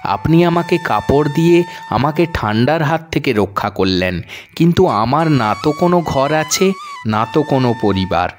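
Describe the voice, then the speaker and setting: A man voicing a humble, compassionate male angel who pleads gently in a spoken story. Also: fairly high pitch, very animated, normal speed, soft background music. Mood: grateful.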